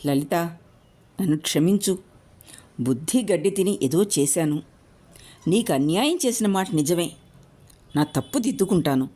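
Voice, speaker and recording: A woman's voice: on the low side, lively intonation, moderate pace, long pauses, warm tone, breathy edge. A woman voicing a sly young man who apologizes and wheedles, in a storybook reading. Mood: wheedling.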